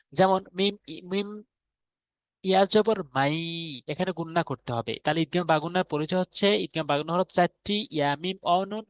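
Guy teaching quran reading, fairly high voice, dry no-room sound, goes letter by letter and says each word again. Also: a bit bright, dry recording. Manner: spells out letters and vowel marks slowly, then repeats the joined word. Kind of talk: step-by-step recitation lesson.

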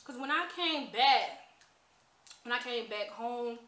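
A woman's voice: fairly high pitch, takes it slowly, sharp tone. A young American woman telling a rambling, casual story while eating, often with her mouth full. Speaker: mukbang vlogger. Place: indoors, small bare-walled room at a table. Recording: echoey bare room.

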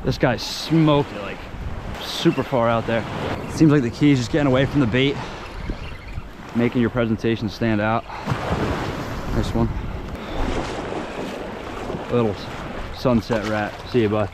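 A man filming himself surf fishing on an ocean beach at dusk, talking casually and excitedly into a camera mic. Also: medium pitch, unhurried, pauses often. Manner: excited, casual, says "dude" often. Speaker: fishing vlogger. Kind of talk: casual on-the-spot commentary. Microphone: GoPro camera mic. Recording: loud surf noise outdoors. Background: crashing surf and waves.

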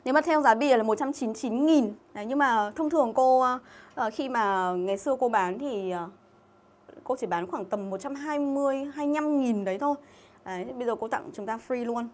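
A woman's voice: on the high side, a little fast. Chatty Vietnamese woman teaching English live. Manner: chatty, reads out viewer names and comments. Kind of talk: livestream exam-review lesson.

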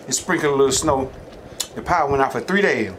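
Middle-aged man, Southern US accent, folksy casual chat, eating while talking, medium pitch, audible background noise. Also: lively intonation, fast, a bit bright. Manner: folksy, rambling storytelling with repeated catchphrases; talks between mouthfuls of food. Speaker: mukbang host.

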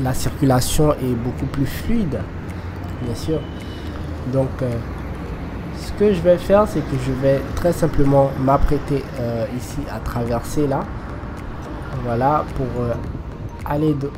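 A man guiding a walking tour outdoors beside a busy road. He talks slowly and hesitantly, with many fillers. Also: medium pitch. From Côte d'Ivoire. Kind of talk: casual walking-tour narration. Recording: background music and traffic noise.

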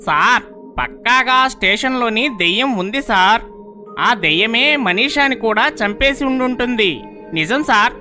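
A woman voicing a junior male policeman who speaks loudly and insistently in a storybook tale. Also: a little high, expressive, unhurried, faint music behind. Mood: earnest. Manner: loud, earnest, insistent.

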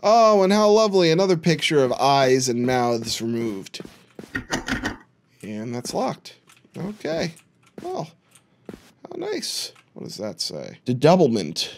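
A man's voice: medium pitch, big pitch swings, measured pace, heavy background noise. A man giving casual, jokey commentary while playing a horror game, with dry sarcastic asides. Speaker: video game streamer.

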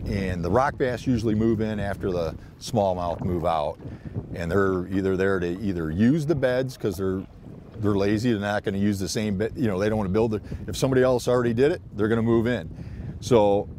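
Deep-ish angler, rambling casual talk, lapel mic on open boat, heavy wind noise. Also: male voice, normal speed. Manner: rambling, many fillers and restarts. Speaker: bass angler. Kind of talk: casual explanation on camera. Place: on a fishing boat on a lake outdoors. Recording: windy outdoor boat noise.

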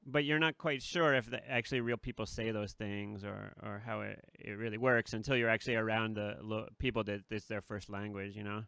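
A man's voice: on the low side, fairly even intonation, a little fast, vocal fry, hardly any pauses, pushed and bright, clean tone, no room sound. A man hosting a casual interview, chatty and often laughing, on a desk mic with headphones in a small studio. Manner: chatty, laughs between remarks, many fillers. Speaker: host. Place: small studio with red curtain.

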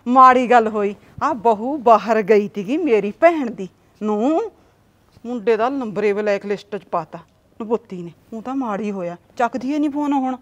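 A woman playing a loud, gossipy, scolding mother-in-law in a village comedy drama. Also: a little high, normal speed, dull audio, close to an everyday voice.

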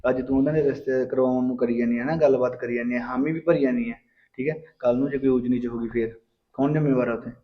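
A man's voice: medium pitch, fairly even intonation, rapid-fire, muffled recording, natural voice. An actor playing a skeptical husband with a Punjabi accent, questioning his wife. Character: skeptical young husband, lecturing. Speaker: husband in a family drama. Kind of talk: Punjabi short film acting.

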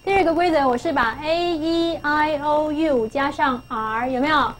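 A woman's voice: high-pitched, moderate pace, low-quality recording. A middle-aged woman teaching English phonics to a class, coaxing pupils with questions and repeating key phrases.

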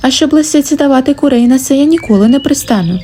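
Thrifty peasant wife, put on by a woman narrator, raised pitch, brisk and firm, fairy-tale reading. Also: dark tone, a little hiss or hum, lightly acted. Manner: brisk, scolding.

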